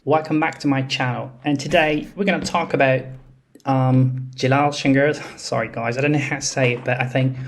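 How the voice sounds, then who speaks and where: A man parodying a cheerful male video host, exaggerated and lower than his own voice. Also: fairly even intonation, normal speed, close to an everyday voice. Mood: mocking.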